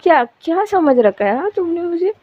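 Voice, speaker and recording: A woman's voice: very high-pitched, very animated, moderate pace, voice pushed up. A woman voicing a drunk, angry young woman who scolds and teases in a slurred, mocking way. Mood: drunk, scolding. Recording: dull lo-fi recording.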